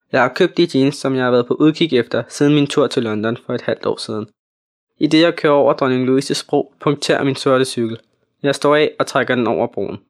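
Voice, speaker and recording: A man from Copenhagen, a student, reading his own first-person story aloud in a steady telling voice. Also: mid-range voice. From Copenhagen, Denmark. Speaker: student narrator.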